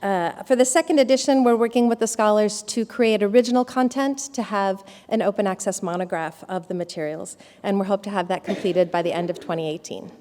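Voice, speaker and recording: A woman's voice: mid-range voice, a little fast, few pauses, mellow. A woman giving a short conference talk, telling its story with hesitant fillers. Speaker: conference presenter. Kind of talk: lightning talk. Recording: reverberant conference hall.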